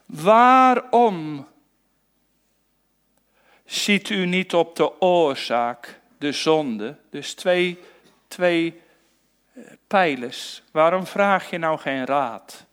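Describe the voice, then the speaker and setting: A man preaching a sermon to his congregation in a church, slow and earnest, asking many rhetorical questions. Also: sits high, lively intonation, fairly bright tone, smooth. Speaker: pastor.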